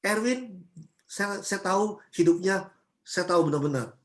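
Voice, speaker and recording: A woman pastor from Ambon delivering a church sermon. She preaches in a chatty, lively way, firing off rhetorical questions and everyday examples. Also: medium pitch, a little slow. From Ambon, Indonesia.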